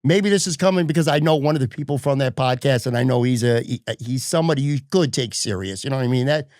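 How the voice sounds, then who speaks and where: A man's voice: mid-range voice, fast, a little mellow, dry recording, clean studio sound. A man hosting a sports podcast, talking bluntly and heatedly in casual chat, swearing freely. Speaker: podcast host.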